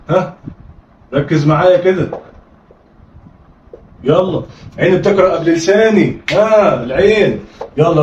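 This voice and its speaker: An Egyptian man with a high voice teaches a children's reading lesson, sounding out syllables and nudging his pupils along with quick prompts. He sounds a little distant in a roomy space, and the audio is slightly dull. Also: a little hiss or hum. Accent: Egyptian Arabic. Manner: coaxing, call-and-response drilling with frequent "ha?" prompts.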